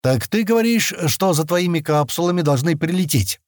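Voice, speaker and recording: A man reading an audiobook, voicing a gruff, irritable young man with curt replies. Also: a little high, lively intonation, normal speed, darkish tone, dry recording, studio quality, pitched above the performer's own voice, natural voice. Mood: plain. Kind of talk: audiobook character voice.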